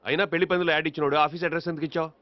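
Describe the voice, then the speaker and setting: A man's voice: fairly high pitch, steady tone, racing, highs cut off, natural voice. An actor playing a stern, bossy male office manager who scolds and threatens his staff. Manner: scolding, commanding.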